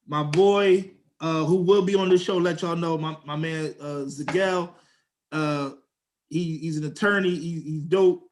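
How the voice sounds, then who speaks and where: A man's voice: a little high, fairly even intonation, measured pace. A young man, co-hosting a podcast and telling a story in slangy casual chat, acting out quotes in a raised voice. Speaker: podcast co-host.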